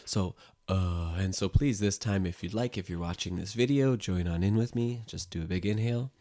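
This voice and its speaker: A man with a very low, deep voice leads a guided sound-healing lesson. He talks gently and calmly, explaining as he goes with plenty of soft fillers. The sound is close and dry, with no room echo. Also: normal speed. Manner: calm, gentle explaining with frequent "you know" and "um". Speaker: music teacher and sound therapist.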